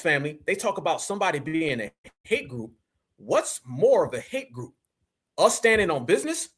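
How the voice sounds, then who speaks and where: A man's voice: a little high, a bit bright, breathy edge. A man hosting a political livestream, talking in a combative, preachy way and calling his audience family. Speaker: livestream host.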